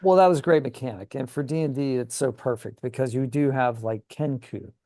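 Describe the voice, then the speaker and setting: Brisk and warm, this man's mid-range voice is captured at studio quality with no echo. He's a native English-speaking co-host of a tabletop gaming show, chatting casually and eagerly as he reasons aloud.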